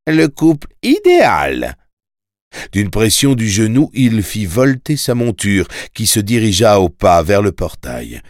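A man reading an audiobook in measured, expressive storytelling narration. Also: fairly low pitch, dry recording, studio quality.

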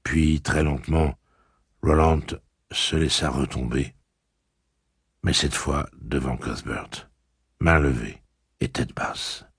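A man narrating an audiobook in a measured, solemn manner. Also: rumbling low, steady tone, husky, no room sound, studio quality. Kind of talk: scripted narration.

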